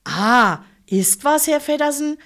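Woman doing a loud chatty bus driver man. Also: medium pitch, lively intonation, a little slow. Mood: cheerful. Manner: loud, cheerful calling out.

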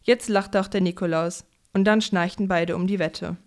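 A woman's voice: lowish voice, steady tone, moderate pace, faint music behind. A woman reading a children's story aloud as a storyteller.

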